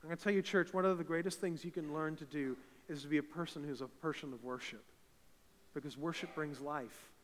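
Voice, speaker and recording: Preaching a little fast, this eastern Canadian pastor fills the echoing church hall with a big, slightly high voice. His sermon swells from an easy conversational tone to loud, fervent, emphatic high points.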